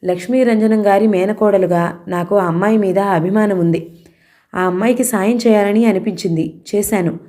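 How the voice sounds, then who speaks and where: A man's voice: high voice, fairly even intonation, normal speed, mellow, close to an everyday voice. A woman reading the part of a young man who answers his uncle defensively and then firmly. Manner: defensive, firm.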